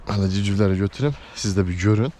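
A man's voice: lowish voice, fast talker. A man filming his poultry on a head-mounted camera outdoors at a coop, chatting casually to viewers and cooing at his dog and chicks. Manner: affectionate baby talk to his dog and chicks. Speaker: poultry keeper vlogger. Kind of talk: casual chat with viewers and animals. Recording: loud farmyard noise behind the voice. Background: loud chickens and roosters.

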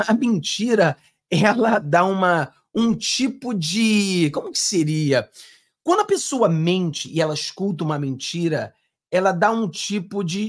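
Speaking in a voice that sits high, a man in his thirties with a Brazilian Portuguese accent delivers live-stream reaction commentary on politics. He's earnest and emphatic, gesturing with his hands, and works from a home studio with over-ear headphones and a desk mic.

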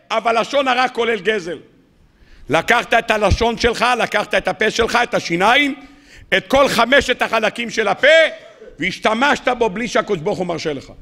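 High gravelly preaching rabbi, man. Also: pushed and bright. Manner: preaching with rhetorical questions, dramatic rises and drops. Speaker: rabbi giving a weekly sermon. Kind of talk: sermon.

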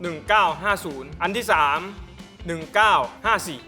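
A man with a high voice hosts a quiz game. He reads out questions and rulings in a casual, polite announcing style. Music plays clearly behind him. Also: moderate pace, sharp tone. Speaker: game show host and referee.

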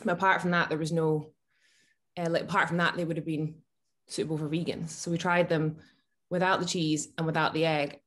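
A woman's voice: low-pitched, flat delivery, fairly quick, fairly bright tone. A woman co-hosting a casual chat, thinking aloud with hesitant fillers and restarts. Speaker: co-host from the bakery.

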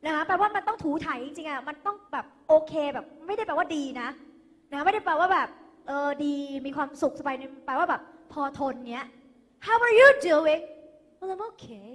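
Thai lady english tutor, high sharp voice, drilling the class on pronunciation, echoey hall. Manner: lively, calls students "kids" and "dear", drills pronunciation. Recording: echoey hall, phone recording.

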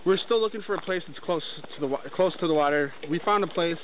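A young man narrates his hike to a camera held at arm's length, chatting loosely and quickly as he walks through the woods. His voice sits a bit high. The sound is thin and tinny, with faint hiss behind it.

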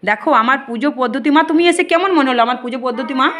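A woman's voice: sits high, rapid-fire, noisy background. A woman spiritual healer, earnestly addressing devotees and viewers and repeating herself often. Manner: earnest, repetitive, often asks "ঠিক আছে?".

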